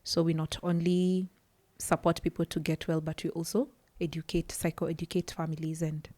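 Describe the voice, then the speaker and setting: Low-pitched and dark in tone, she talks at normal speed with a flat delivery, and the recording has no echo. She is a podcast guest from the psychology field, earnestly describing her personal story. Frequent restarts show her searching for the right words.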